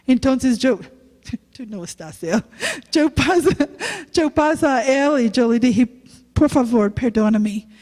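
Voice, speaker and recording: Slow-spoken woman preacher, Spanish. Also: high voice, expressive, a little mellow. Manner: halting non-native Spanish, slow and earnest. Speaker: guest preacher, youth pastor. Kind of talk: sermon with personal testimony. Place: church. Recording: long reverb of a church hall.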